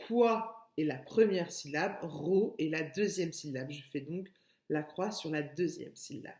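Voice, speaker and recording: Her voice is deep and darkish, a little slow, and it echoes around the room. A French-accented kindergarten teacher, she works through a recorded remote lesson with young children, patiently saying words again and breaking them into syllables.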